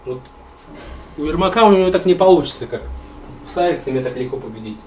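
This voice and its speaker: A man's voice: a little high, expressive, quick pace, slight background noise. A man giving casual, grumbling, exasperated commentary while he streams a video game. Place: indoors, in front of a TV. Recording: distant mic, loud game audio. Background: loud game music and sounds.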